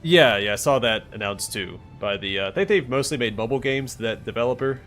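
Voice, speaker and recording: A man's voice: medium pitch, a little fast, fairly bright tone, faint music behind. A man giving casual gameplay commentary as a streamer, chatting with his viewers. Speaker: game streamer.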